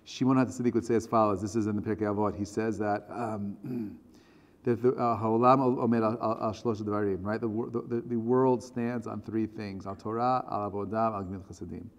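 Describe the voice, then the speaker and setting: Speaking fairly quickly in a steady, fairly low voice, a rabbi at an evening synagogue class keeps asking his audience questions in an earnest, conversational religious lecture. His voice is strained and choked up, and his words ring on in the reverberant hall.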